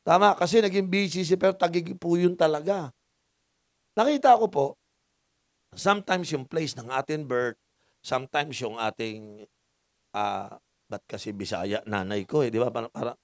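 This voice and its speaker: Middle-aged filipino pastor preaching, raspy gravelly voice, mixes in english, jokes with the church. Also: male voice, on the high side, moderate pace, pauses often, no room sound, clean studio sound. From Philippines. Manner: mixes in English, asks the congregation for answers, jokes. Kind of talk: sermon. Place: church hall.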